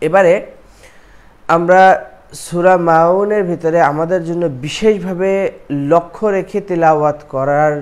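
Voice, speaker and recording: A man's voice: on the high side, fairly even intonation, unhurried, long pauses. A man teaching Quran recitation, explaining pronunciation and repeating syllables to drill them. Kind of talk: recitation lesson with slow chanting and quick explanation.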